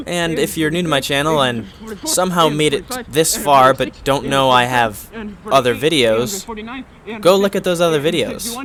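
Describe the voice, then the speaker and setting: A man giving casual voice-over commentary on his own vlog, rambling and self-mocking, full of fillers. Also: medium pitch. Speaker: vlogger.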